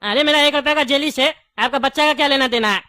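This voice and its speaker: A talkative candy-shop owner who argues and laughs easily, played by a woman in a high, bright voice. The delivery is a light comedy-skit performance. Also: fast, no echo, studio quality. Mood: indignant. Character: chatty male shopkeeper selling cheap candy. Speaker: comic skit actor.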